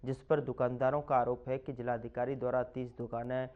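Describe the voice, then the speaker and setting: Male news reporter, voice-over, emphatic delivery, mid-pitched, slightly muffled lo-fi sound. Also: little pitch movement, fairly quick. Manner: emphatic, punchy news read. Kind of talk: scripted news narration.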